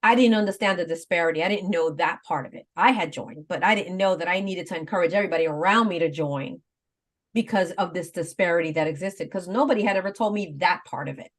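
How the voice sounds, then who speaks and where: A woman's voice: on the low side, fast. A woman in her fifties on a talk show, earnestly explaining step by step and laughing easily. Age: 50s. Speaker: guest advocate. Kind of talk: casual explanatory chat.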